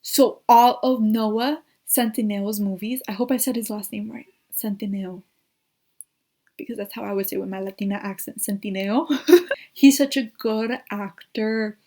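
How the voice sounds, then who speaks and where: A woman's voice: medium pitch, fairly even intonation, normal speed, hardly any pauses, warm tone. A young woman, a YouTuber, chatting casually about her favourite shows, gushing and saying "like" constantly. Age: young adult. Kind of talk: casual recommendation chat.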